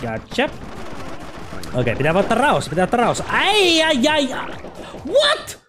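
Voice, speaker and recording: A young man giving gameplay commentary, excitable, shouting and swearing and mixing in English phrases. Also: very high voice, slight background noise. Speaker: let's play gamer. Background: game music.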